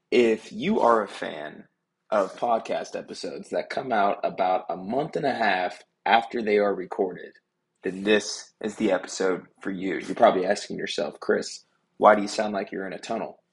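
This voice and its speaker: A man hosting a podcast, recording a casual intro in his office, with a hollow, echoing sound as if he were speaking from inside a tunnel. He talks in an upbeat, joking way with quick asides. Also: fairly low pitch, creaky. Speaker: podcast host.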